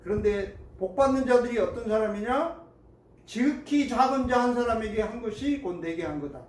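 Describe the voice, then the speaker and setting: A man's voice: very high voice, normal speed, far from the mic. Male pastor preaching in an echoey church. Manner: lively storytelling, acting out disciples' voices. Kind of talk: sermon. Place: church sanctuary. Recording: echoey hall, mic from afar.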